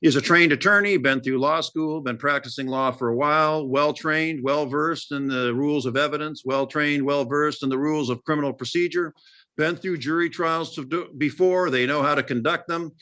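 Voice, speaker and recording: A male judge advising a defendant over a video call in a patient, measured way, pausing on fillers and clearing his throat as his voice goes hoarse. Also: a little high, pushed and bright. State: voice going hoarse. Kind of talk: courtroom hearing advisement.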